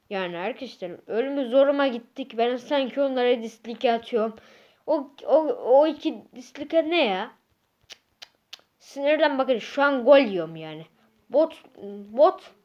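A woman's voice: high voice, a little mellow, highs cut off. A woman giving casual gameplay commentary as a YouTuber, ranting in an agitated way and repeating herself a lot. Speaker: gaming YouTuber.

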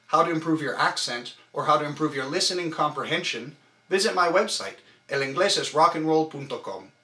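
A man giving a scripted English accent lesson, slowly and emphatically demonstrating stressed syllables. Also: on the high side, bright, forceful tone, echoey room.

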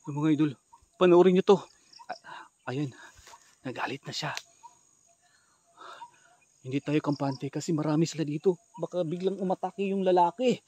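A man with a slightly high voice films himself hunting for monsters in rural brush at night. He swings between hushed narration and alarmed shouts, sometimes chanting rhythmic mock-Latin prayers. Crickets and insects chirp in the background. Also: moderate pace, pauses often, breathy edge, no room sound. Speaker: ghost hunter vlogger. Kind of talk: live outdoor ghost-hunt vlog. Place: rural undergrowth outdoors, insects heard.

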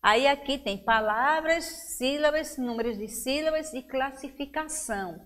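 A woman teacher with a Brazilian Portuguese accent, giving a televised reading lesson to young children and drawing out each word slowly and clearly as she sounds out its syllables. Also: high voice, a bit bright. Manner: slow, clear, drawn-out syllables when sounding out words. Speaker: primary school teacher.

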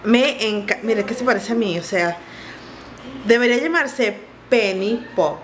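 A woman's voice: on the high side, animated, moderate pace, slight background noise. Chatty Venezuelan woman vlogging at home. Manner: chatty, playful and exclamatory. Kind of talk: casual home vlog. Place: home, indoors.

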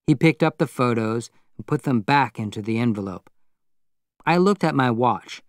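A man reading a novel aloud as narrator in a measured, plain storytelling manner. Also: medium pitch, animated, no echo, studio quality. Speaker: audiobook narrator. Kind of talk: scripted narration.

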